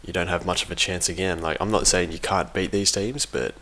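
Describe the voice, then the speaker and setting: This competitive gaming team member records an audio log of casual, off-the-cuff commentary, sharing opinions in a low, fairly flat voice with a bright, forward edge. He talks a little fast, sounding informal and hesitant and rephrasing as he goes. Some background noise runs underneath.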